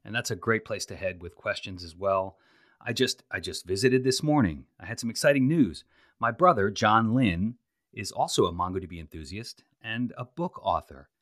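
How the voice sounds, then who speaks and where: A man's voice: on the low side, moderate pace, no echo, clean studio sound. A man hosting a podcast, chatting casually and pointing listeners to the show notes. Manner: relaxed, chatty, promotional. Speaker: podcast host.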